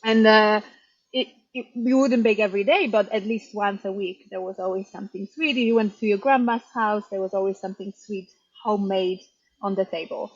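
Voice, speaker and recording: A woman's voice: medium pitch, steady tone, moderate pace, husky, no echo, lo-fi sound. A woman in her thirties from Poland, a bakery owner talking casually about how she started, with lots of ums and easy laughs. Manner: chatty, warm storytelling with frequent ums and light laughs. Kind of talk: casual interview answers.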